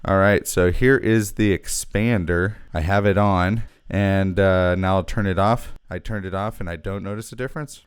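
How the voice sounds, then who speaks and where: A man with a very low, smooth, resonant voice hosts a casual gear demo. He thinks aloud in a loose, chatty way. The sound is dry and close. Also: steady tone, normal speed, hardly any pauses, dry recording. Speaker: host.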